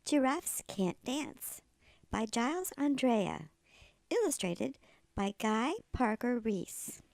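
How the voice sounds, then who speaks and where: Sweet old-lady storybook reader, high and creaky. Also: darkish tone, dry recording. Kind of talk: children's storybook read-aloud.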